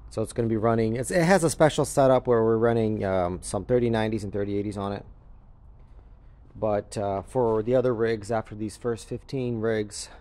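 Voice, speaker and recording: This man's voice is fairly low and a little mellow. He runs a crypto mining farm and explains it in a casual, matter-of-fact, unscripted walkthrough, filming with a handheld camera or phone inside a big concrete-floored warehouse.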